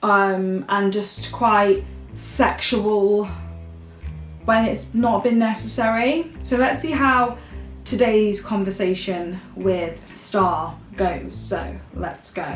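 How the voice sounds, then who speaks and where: Woman, casual vlog host; chatty, exasperated, reads out chat messages, mid-range voice. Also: mid-range voice. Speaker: vlogger.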